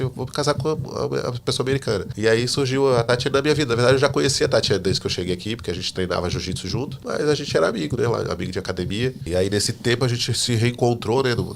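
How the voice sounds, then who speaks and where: A man telling his personal faith testimony as a podcast guest, a lively storyteller who acts out the dialogue he quotes. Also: medium pitch, vocal fry, slight background noise. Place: living in the United States.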